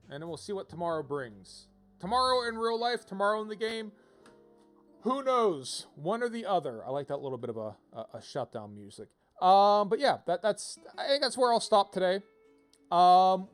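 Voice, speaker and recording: A game streamer with a fairly high voice chats his way through a game on a livestream. He rambles casually and thinks aloud while music plays in the background.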